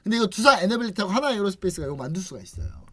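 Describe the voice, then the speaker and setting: Racing along at medium pitch on a dry recording, this investment channel host turns his explanation into a story. He voices other people's remarks with gusto, chats freely and keeps firing off rhetorical questions.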